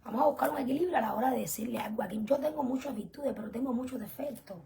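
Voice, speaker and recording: A young woman teaching an online religious class, earnest and emphatic, often dropping to soft whispered asides. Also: on the high side, racing, vocal fry, slight background noise. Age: young adult. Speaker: spiritual teacher.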